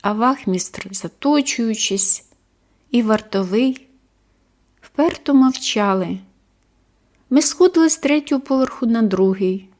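Brief: female audiobook narrator, measured and expressive, a bit higher-pitched voice. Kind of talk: scripted first-person story narration.

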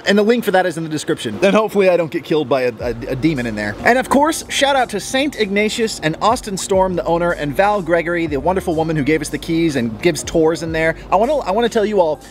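A young adult man, a vlog host, chatting casually in a playful, excitable way. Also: high voice. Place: abandoned building at night, car, outdoors by a pool.

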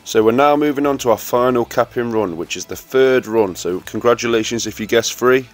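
A man giving a steady, instructive voice-over for a welding tutorial and talking straight to viewers. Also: medium pitch, a little fast, soft background music.

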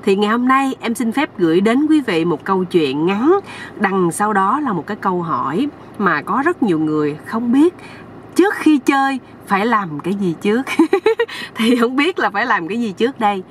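A woman's voice: medium pitch, sing-song, normal speed. Woman host, Southern Vietnamese accent, chatty folksy comic storyteller; mic a little distant, faint noise behind. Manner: chatty, folksy, addressing viewers.

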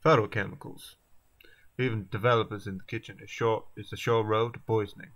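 A man's voice: lowish voice, steady tone, brisk, fairly bright tone, natural voice. A man playing a weary raccoon detective, slight southern drawl, dry and laid-back, self-mocking, game character. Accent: slight southern drawl, put on. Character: weary male raccoon detective, wry bachelor.

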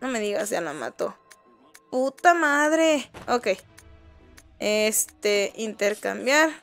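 A young woman with a Mexican accent giving excitable live-stream commentary while she plays a game, swearing casually and talking to the characters on screen. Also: medium pitch, slow pace, vocal fry, soft background music. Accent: Mexican Spanish. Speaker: gaming streamer.

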